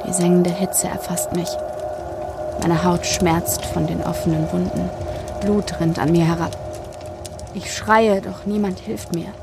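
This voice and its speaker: A woman narrating a first-person horror story in a measured, suspenseful reading. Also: fairly low pitch, level tone, creaky, heavy background noise.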